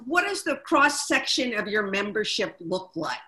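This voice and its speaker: A woman co-hosting a talk show, introducing a guest and reading prepared figures in a measured way. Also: mid-range voice, big pitch swings, bright, forceful tone, roomy sound, poor audio. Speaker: co-host.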